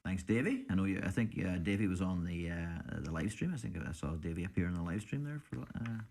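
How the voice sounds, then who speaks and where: A man's voice: low voice, expressive, fairly quick, darkish tone. A man co-hosting a podcast, chatting off the cuff in a hesitant, appreciative way as he reads out listener suggestions. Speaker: podcast co-host. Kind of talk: casual unscripted chat, reading out listener suggestions.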